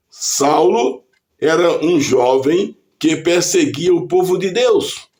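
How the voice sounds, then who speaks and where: Slow, deliberate Brazilian preacher man. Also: a little high, darkish tone. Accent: Brazilian Portuguese. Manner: slow, deliberate preaching delivery reading scripture aloud. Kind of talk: scripted devotional reflection.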